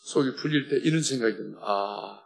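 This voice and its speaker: In a worship hall, a church elder with a Gyeongsang Korean accent delivers an emotional, passionate testimony that swings between loud and hushed. His mid-range voice moves fairly quickly and carries vocal fry.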